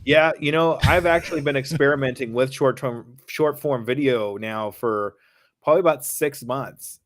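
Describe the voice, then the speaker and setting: A man's voice: mid-range voice, normal speed, no echo. A man being interviewed on a podcast, talking in an easygoing, friendly, conversational way. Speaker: podcast guest.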